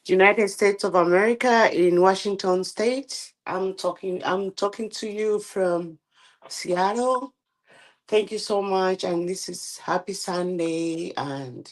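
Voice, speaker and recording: A woman's voice: mid-range voice, a little mellow. Zambian-accented woman on a panel. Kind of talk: live online show greeting and chat.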